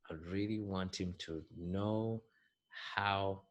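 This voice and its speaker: Middle-aged Zambian-born business coach, very low and even delivery, earnest mentor tone, dry close mic. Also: male voice, takes it slowly, no room sound, lo-fi sound. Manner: earnest, advice-giving, thinks aloud with fillers. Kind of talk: recorded advice talk for a youth summit.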